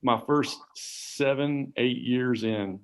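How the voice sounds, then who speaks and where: A man's voice: mid-range voice, takes it slowly. A man in his forties, an assistant principal, telling rambling, self-deprecating stories on a casual podcast with plenty of fillers. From Garland, Texas.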